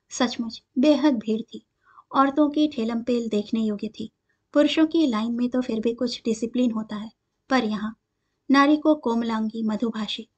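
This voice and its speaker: High-voiced woman reading a story. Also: a little mellow, lo-fi sound. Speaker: story reader. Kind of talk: scripted narration of a short story.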